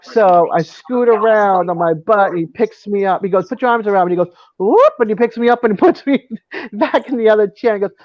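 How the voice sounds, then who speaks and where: High-pitched guy on a live chat, dry dull sound, chatty storyteller. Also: a little fast. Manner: animated storyteller, laughs often.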